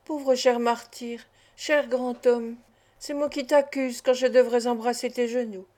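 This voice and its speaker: Woman reader doing a warm, playful young Parisienne; affectionate, teasing, audiobook. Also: a little high, steady tone, a little slow, natural voice. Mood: tender.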